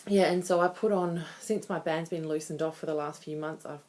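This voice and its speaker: A woman's voice: sits low, fairly even intonation, fairly quick, darkish tone. A woman in her thirties talking candidly and conversationally in a casual personal video diary. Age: 30s. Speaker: vlogger.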